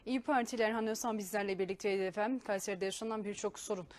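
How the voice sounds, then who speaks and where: A woman's voice: medium pitch, fairly even intonation, rapid-fire, a little mellow. Woman, mid-range voice, TV news presenter, live interviewing, courteous formal address.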